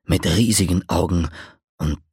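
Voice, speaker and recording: Husky-voiced man narrating a fantasy audiobook. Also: deep voice, unhurried, dry recording, studio quality. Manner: expressive storytelling, vivid.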